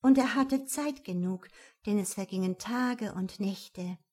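A woman reading a fairy tale aloud in a measured, expressive way. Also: medium pitch. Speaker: storyteller.

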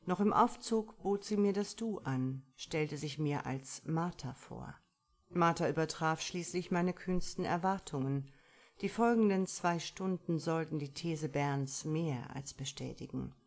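A woman reading a first-person story aloud in a measured, expressive storytelling manner. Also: deep voice. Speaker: audiobook reader.

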